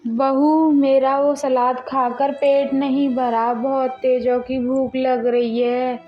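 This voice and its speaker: A woman's voice: high voice, flat delivery, slow pace. Woman playing a timid, pleading mother-in-law. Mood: hungry. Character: meek hungry older mother-in-law. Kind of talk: family drama voice acting. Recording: dull audio with faint music.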